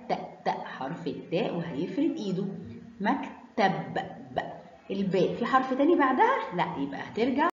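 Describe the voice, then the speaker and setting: A woman with an Egyptian accent teaching children Arabic letters, sounding them out in a sing-song, drawn-out way. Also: medium pitch, darkish tone, slight background noise. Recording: roomy, slightly dull recording.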